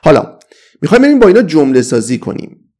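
A man teaching an English vocabulary lesson, slowly repeating each example sentence. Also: a little high, big pitch swings, mellow. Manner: slow, deliberate repetition of example sentences.

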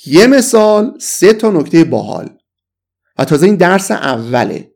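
A man's voice: high voice, sing-song, vocal fry, a little mellow. Eager man teaching English words. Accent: Persian. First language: Persian. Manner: enthusiastic, coaxing, says English phrases slowly. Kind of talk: online vocabulary lesson in Persian.

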